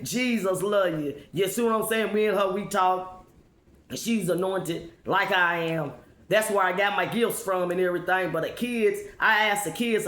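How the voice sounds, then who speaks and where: A woman's voice: medium pitch, fairly bright tone. A woman giving an informal motivational testimony, speaking emphatically and repeating herself with rhetorical questions. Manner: emphatic, repetitive, with rhetorical questions and check-ins. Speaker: spiritual speaker addressing followers. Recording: echoey room.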